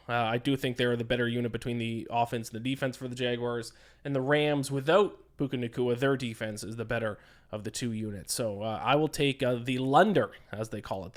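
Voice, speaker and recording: A worn-out young man talks through his sports betting picks in a loose solo podcast. His voice sits at an ordinary middle pitch. He drifts and gets sidetracked, and his talk is full of "uh" and "um.". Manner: rambling, distracted, frequent "uh" and "um". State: tired, yawning. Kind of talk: casual solo podcast commentary.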